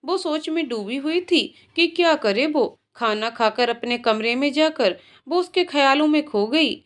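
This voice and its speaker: High-voiced woman narrating a dramatic story. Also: lively intonation, unhurried. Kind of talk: scripted narration.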